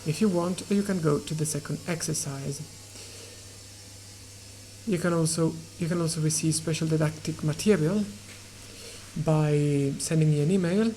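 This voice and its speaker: Low slow woman teacher going over english grammar, mellow voice, faint typing noise behind. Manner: slow, halting explanation with pauses and fillers. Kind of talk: online pronunciation and grammar lesson.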